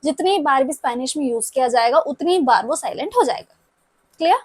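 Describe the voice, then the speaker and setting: High-voiced woman teaching a lesson. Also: animated, fairly quick, darkish tone, no room sound. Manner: explains step by step, often checks with "clear?". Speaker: language teacher. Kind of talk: recorded language lesson.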